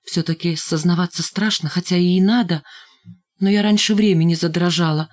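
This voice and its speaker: Woman reading a story, somewhat low voice. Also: fairly even intonation, moderate pace. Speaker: audiobook reader. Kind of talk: scripted narration.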